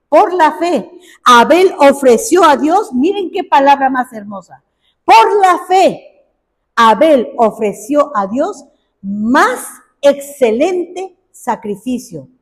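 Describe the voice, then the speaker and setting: A woman's voice: fairly high pitch, long reverb tail. A woman preaching a sermon, speaking expressively and putting rhetorical questions to the congregation.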